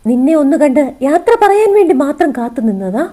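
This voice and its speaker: A woman's voice: high-pitched, very animated, brisk, mellow, voice pushed up. A woman reading as a sorrowful, resigned middle-aged woman. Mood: sad, resigned.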